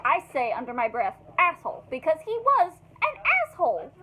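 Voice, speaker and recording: A young woman telling a storytime vlog in a casual, animated way, heavy on fillers and swearing. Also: sits high, normal speed, highs cut off, slight background noise. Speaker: vlogger.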